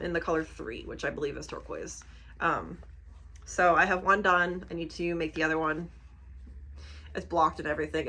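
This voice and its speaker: A woman's voice: fairly low pitch, a bit bright. Chatty woman rambling about crochet. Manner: rambling, many "um"s, self-deprecating laughs. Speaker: podcast host. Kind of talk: casual crochet podcast chat.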